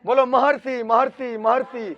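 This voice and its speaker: Male teacher, unusually high voice, slow, repeats key words and keeps checking understanding; classroom grammar lesson, dull lo-fi recording. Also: level tone, fairly bright tone.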